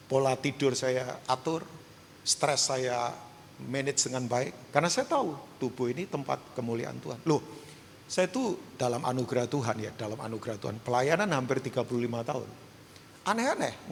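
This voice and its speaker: A man in his fifties preaching a sermon, swinging between loud proclamations and soft storytelling. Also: mid-range voice, vocal fry. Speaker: pastor. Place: large church hall. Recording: long church hall reverb, faint noise.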